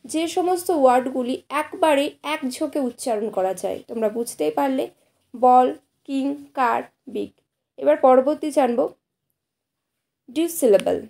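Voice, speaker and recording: A woman teacher speaks in a high voice with a soft, mellow tone. She explains each point patiently to her students, repeating and slowly sounding out example words. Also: expressive. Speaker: English teacher. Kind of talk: slow explanatory lesson to students.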